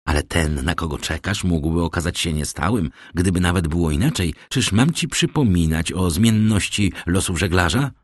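Bitter young soldier, brooding, pleading, deep husky voice, read by a man. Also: moderate pace, hardly any pauses, no echo, clean studio sound.

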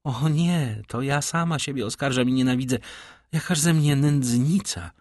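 A man's voice: mid-range voice, moderate pace, dry recording, clean studio sound, voice pushed up, natural voice. A man reading the lines of a grieving, self-reproaching woman of about forty in an audiobook.

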